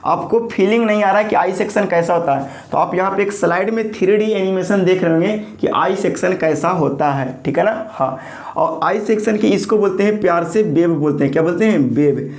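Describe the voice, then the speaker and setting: A man's voice: high-pitched, fairly quick, darkish tone. A man teaching a lecture, asking questions and answering them himself, his voice a little thick from a sore throat. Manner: repeats key terms as call-and-response questions. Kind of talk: classroom lecture.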